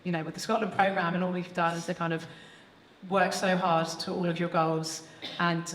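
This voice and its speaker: A woman's voice: on the low side, flat delivery, normal speed. Encouraging British woman hosting in an echoey hall. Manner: encouraging, praising. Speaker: event host interviewing young people on stage. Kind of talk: live stage interview. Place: large event hall, on stage. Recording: echoey hall with crowd and noise.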